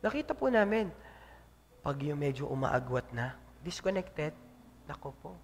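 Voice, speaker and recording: A man preaching a sermon as pastor, swinging between loud calls and soft asides. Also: fairly high pitch, big pitch swings, normal speed, big-room sound, a little hiss or hum.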